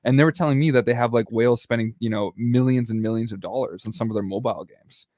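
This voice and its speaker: A man's voice: medium pitch, fast talker, a little mellow, no echo. A young man hosting a casual interview, enthusiastic and full of fillers like "like" and "you know". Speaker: podcast host.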